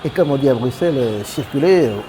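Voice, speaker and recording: A man's voice: medium pitch, fast, slight background noise. A male comedian of Belgian and Congolese background delivering a playful, teasing comic monologue. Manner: playful, teasing, lively punchlines.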